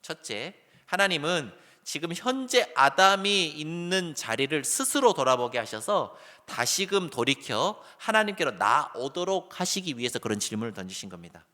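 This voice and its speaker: A middle-aged male pastor preaching a sermon, lively and animated, sometimes loud and sometimes dropping soft. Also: on the high side, normal speed, few pauses. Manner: animated preaching, acts out calls in a raised voice, then drops soft. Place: church sanctuary. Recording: long hall reverb.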